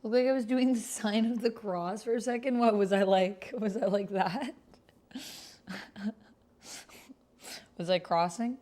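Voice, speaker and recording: Pausing often, a woman with a warm, mid-range voice speaks unhurriedly. She's streaming a text roleplaying game, reading and typing while casually chatting and thinking aloud, regularly questioning what she says.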